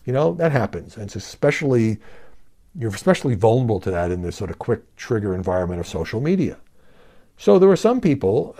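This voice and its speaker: A middle-aged man from Brooklyn delivers televised news commentary with a lively, swooping delivery. His tone is mellow and warm, and he talks in an emphatic, chatty way. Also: mid-range voice. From Brooklyn, New York. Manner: animated, emphatic, conversational. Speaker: news media commentator and show host.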